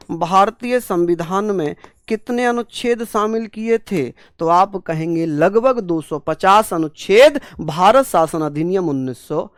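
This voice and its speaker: An exam-prep teacher with a high voice gives an online classroom lecture in clean studio sound with no room ambience. He drills points repeatedly, voices his students' questions, and calls them by fond names.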